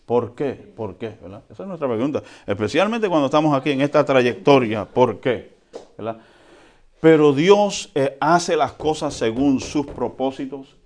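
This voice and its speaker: A man preaching a sermon in a conversational way, often checking in with the congregation and swinging between quiet and loud. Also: mid-range voice. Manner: lively swings between soft and loud, with chuckles. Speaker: pastor.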